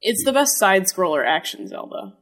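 A woman's voice: medium pitch, sing-song, brisk. A woman co-hosting a casual podcast, teasing her friends and laughing often. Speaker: podcast co-host.

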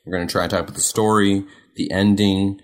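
A man's voice: deep voice, steady tone, quick pace. A man hosting a casual podcast, easygoing and chuckling as he steers the introductions and keeps the chat moving. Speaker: podcast host.

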